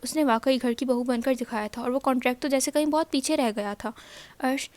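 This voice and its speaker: A woman reads a romance novel aloud in a soft, even storytelling manner. Her voice is high and the recording is close and dry. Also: no room sound. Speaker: narrator. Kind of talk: scripted novel narration.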